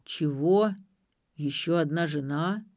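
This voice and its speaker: A muddled, hungover drunk man, acted by a woman reader, groaning and dragging each word out slowly. The lines are read dry and close for an audiobook. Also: low-pitched, a little mellow, no room sound. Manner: slow, groaning, drawn-out. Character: confused, hungover middle-aged alcoholic man, moaning.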